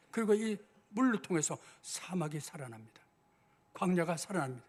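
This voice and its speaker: A man's voice: fairly high pitch, darkish tone, breathy edge. An older man, a senior pastor, preaching a sermon in church and acting out biblical dialogue in a conversational way. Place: church sanctuary.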